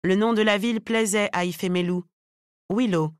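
A woman narrating a novel aloud in a measured, steady, lightly ironic way. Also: medium pitch, smooth, no room sound, studio quality. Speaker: audiobook narrator.

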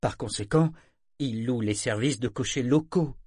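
A man voicing a stern elderly grandmother who speaks gravely and deliberately in an audiobook. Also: medium pitch, a little mellow, no echo, studio quality, lightly acted. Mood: scolding.

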